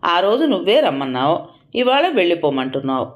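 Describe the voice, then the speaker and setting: A woman's voice: deep voice, big pitch swings, quick pace, lo-fi sound. A woman voicing a level-headed husband who asks plainly and directly. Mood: questioning.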